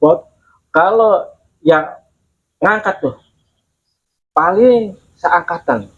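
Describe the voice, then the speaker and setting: A man telling local stories in a casual, animated way, repeating himself and acting out the voices of the people he quotes. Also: sits high, extremely slow, breathy edge, dull audio. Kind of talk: casual storytelling.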